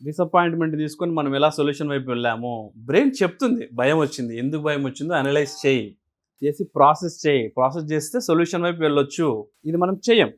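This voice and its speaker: Man w explaining stuff, kinda high voice, asks himself questions. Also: fast talker. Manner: animated, asks and answers his own questions. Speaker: guest speaker on emotions. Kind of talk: explanatory interview talk.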